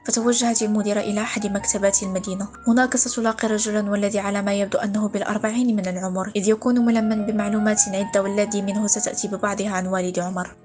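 A woman narrating a read-aloud story in a steady, literary manner. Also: medium pitch, very fast, hardly any pauses, faint music behind.

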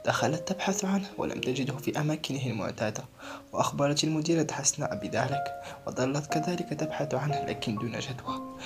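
A woman narrates a dramatic tale in a low, deep-set voice, often dropping to a breathy half whisper. Her delivery is hushed and measured. Faint music sits in the background. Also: expressive. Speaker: storyteller.

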